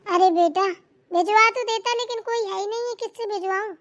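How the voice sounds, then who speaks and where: A woman's voice: extremely high pitch, moderate pace, fairly bright tone, highs cut off, pitched above the performer's own voice. A woman voicing an obliging male shopkeeper in a cartoon, friendly and apologetic. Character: adult male sweet-shop keeper, obliging. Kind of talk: cartoon voice acting.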